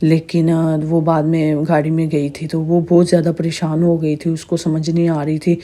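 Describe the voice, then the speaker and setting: A woman in her thirties with a sore, slightly hoarse throat, chatting through a casual vlog voice-over. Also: sits low, monotone, moderate pace, dark tone. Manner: chatty, rambling storytelling. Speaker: vlogger narrating her day.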